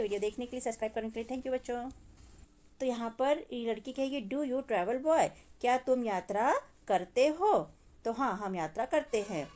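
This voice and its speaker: A woman teaching children from a workbook with a Hindi accent, reading English lines slowly and then explaining them, often calling out to the kids. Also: a little high, darkish tone.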